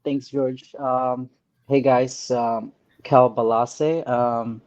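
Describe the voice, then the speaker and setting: A real estate investor from the Philippines speaks as a guest in a casual interview, earnest and soft-spoken with many pauses. His mid-range voice shows little pitch movement, and the recording is dry and lo-fi.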